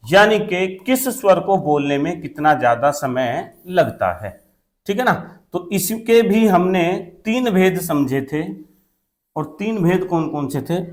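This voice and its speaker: High-voiced teacher drilling points. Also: male voice, lively intonation, a little slow. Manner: repetitive, asks questions and answers them himself, often checks with "theek hai na". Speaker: Hindi grammar teacher. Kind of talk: exam-prep classroom lesson.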